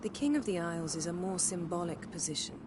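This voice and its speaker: A woman's voice: fairly low pitch, animated, fast, noisy background, lightly acted. An actress playing a frank, composed young noblewoman in a video game, with a wry, conversational manner. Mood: measured.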